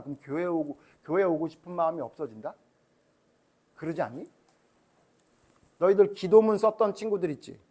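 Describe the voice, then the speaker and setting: A man's voice: fairly high pitch, a little mellow. A male pastor giving a Sunday school sermon to children, chatting with them and quizzing them with questions.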